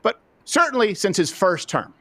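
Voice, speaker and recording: Sarcastic high-voiced male talk host. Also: very animated, moderate pace, sharp tone, no room sound. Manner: sarcastic, mocking asides, frequent laughs. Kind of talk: casual political talk show.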